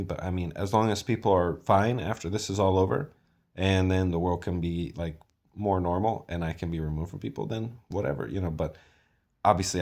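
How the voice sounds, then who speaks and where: A man's voice: deep voice, a little mellow. A man talking in a rambling, hesitant monologue, full of fillers and trailing thoughts.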